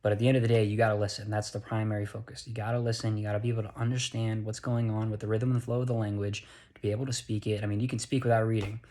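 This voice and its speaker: A tired young American man vlogs casually into a handheld phone, his lowish, mellow voice racing along with a flat delivery. It's an earnest, rambling monologue in which he corrects himself as he goes.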